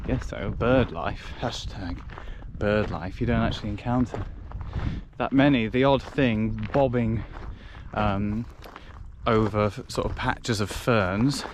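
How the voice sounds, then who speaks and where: Slow, wry young man vlogging outdoors. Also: lowish voice, steady tone, background noise. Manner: wry, self-mocking and chatty, rambling with restarts. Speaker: hiking vlogger. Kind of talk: casual vlog to camera. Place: outdoors on a wooded fellside. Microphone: handheld action camera.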